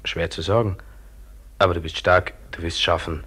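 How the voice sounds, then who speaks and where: An actor playing a stern inner voice that urges a man buried in the snow to keep counting and digging. He speaks in a breathy, hushed voice, often whispering, with terse, cold commands. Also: low-pitched, steady tone, moderate pace, exaggerated voice. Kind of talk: radio drama acting.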